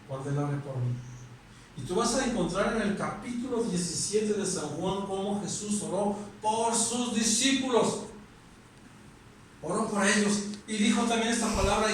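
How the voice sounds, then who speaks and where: A man's voice: sits high, fairly bright tone, a little hiss or hum. A man preaching a sermon with a Mexican Spanish accent, earnest, repeating himself and asking rhetorical questions. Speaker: pastor. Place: church or meeting room. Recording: echoey room from far off.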